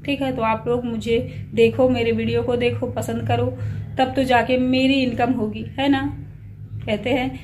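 Alone at home with her phone in hand, a middle-aged family vlogger chats confidingly to her audience, wandering from topic to topic. She sounds sick, weary and slightly breathless, her fairly high, slightly mellow voice moving little in pitch at an ordinary pace. The phone recording carries obvious noise.

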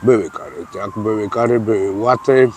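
A man's voice: fairly low pitch, normal speed, a little mellow, a little hiss or hum. A man giving casual interview answers outdoors, hesitant and full of fillers and restarts. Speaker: interviewee explaining prison slang. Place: outdoors by a street.

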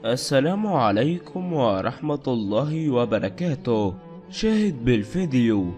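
A man's voice: medium pitch, darkish tone. A man delivering scripted news narration as a video narrator in Arabic.

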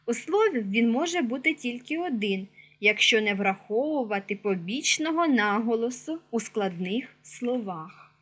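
A woman reading a scripted language lesson in a clear, measured, explanatory way. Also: on the high side, expressive, a bit bright. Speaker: teacher. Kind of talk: scripted educational narration.

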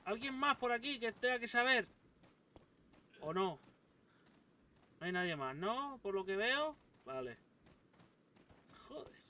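Excitable man from Spain, high voice. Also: unhurried, long pauses. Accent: Spain Spanish. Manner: swearing, excitable outbursts. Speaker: gaming YouTuber. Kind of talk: let's play commentary. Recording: distant mic with loud game noise.

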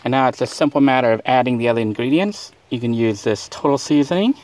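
Standing outdoors beside a van, a man vlogs his cooking in a casual how-to narration. He talks fast in a medium-pitched voice, relaxed and rambling with lots of fillers.

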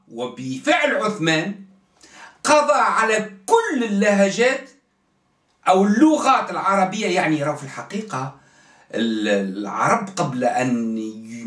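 A Tunisian-accented man talks in a lively, up-and-down voice pitched a little high. He explains in a casual way and keeps checking that his listeners follow. The sound is echoey, as if he sits back from the mic in a bare room. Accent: Tunisian Arabic. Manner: animated, acts out dialect pronunciations, keeps asking "understand?". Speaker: channel host explaining religious history. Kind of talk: casual explanatory talk to camera. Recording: roomy echo, voice from a distance.

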